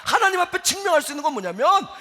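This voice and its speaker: A middle-aged man preaching a sermon as a pastor, telling a story with lively acted-out quotes. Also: very high voice, rapid-fire. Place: church sanctuary. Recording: church hall reverb.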